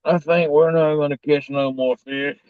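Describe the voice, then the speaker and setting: A man's voice: on the high side, steady tone, normal speed, smooth, no echo. A man with a rural American accent, chatting in a folksy, casual way as a livestream host. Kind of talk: casual chat. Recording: dull lo-fi audio.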